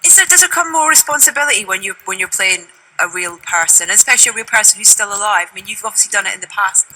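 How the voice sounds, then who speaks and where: Fast, bright-voiced red-carpet interviewer. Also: medium pitch, breathy edge, poor audio. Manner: friendly, quick questions with short interjections. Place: film premiere red carpet.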